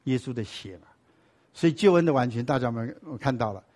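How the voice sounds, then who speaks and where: A man's voice: mid-range voice, lively intonation, quick pace, a little mellow. A man teaching a sermon-style Bible class. He keeps asking the class rhetorical questions and drops in English and Hebrew words.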